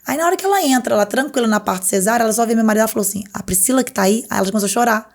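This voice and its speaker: A woman's voice: on the high side, rapid-fire. A woman, a podcast guest telling her story in a casual interview and acting out what others said. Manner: animated storyteller who acts out other people's words.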